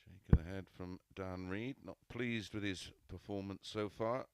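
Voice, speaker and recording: A man's voice: low voice, fairly even intonation, normal speed, darkish tone, clean tone, no room sound. A man giving live darts commentary, describing play and players' statistics.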